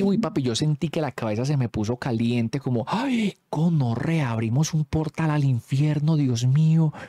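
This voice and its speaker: A man with a Colombian accent telling a story casually, animated and full of slang, who keeps jumping into the voices of the people in it. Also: medium pitch, dry recording.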